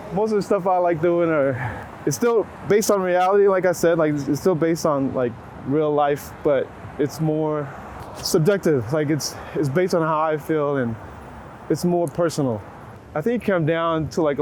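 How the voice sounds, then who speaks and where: This American photographer from Waco, Texas has a slightly high, darkish voice and talks informally and thoughtfully in an interview, often leaning on "like" as he searches for words. He's outside on a city street, where the recording clearly picks up traffic, passing vehicles and general urban sound.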